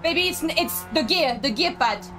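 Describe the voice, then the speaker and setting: High-voiced chatty woman streamer. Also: a little slow, background noise. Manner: chatty, excitable, frequent laughs and restarts. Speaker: sim racing streamer. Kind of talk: casual live-stream chat while racing.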